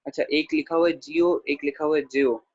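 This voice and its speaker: A man teaching a pronunciation lesson online, patiently repeating words slowly and checking in with students by name. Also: a little high, flat delivery, no echo. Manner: patient, repeats words slowly to model pronunciation, says 'theek hai' often; addresses students by name, answering their questions. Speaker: Gurbani grammar teacher. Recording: dull dry lo-fi audio.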